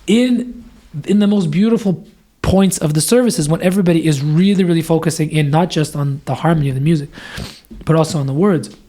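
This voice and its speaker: A man with a mellow, slightly high, scratchy voice speaks as a deacon guest. He earnestly explains church worship in a thoughtful conversation, building his points through repetition.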